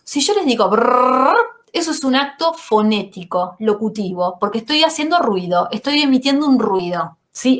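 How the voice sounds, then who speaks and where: A woman teacher giving a recorded lecture, explaining step by step and often checking in with "¿sí?". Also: high voice.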